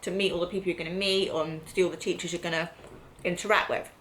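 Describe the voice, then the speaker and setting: A woman's voice: lowish voice, steady tone, fast talker, a bit bright, slight background noise, poor audio. A middle-aged woman with an English accent chatting casually as she hosts a family vlog, explaining things and checking in with tag questions. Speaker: mother hosting a family vlog. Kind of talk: casual chat.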